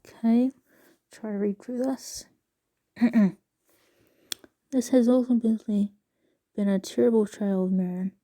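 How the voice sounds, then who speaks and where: A woman casually reading passages aloud with a halting, stumbling delivery and soft asides. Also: medium pitch. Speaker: video creator reading excerpts aloud.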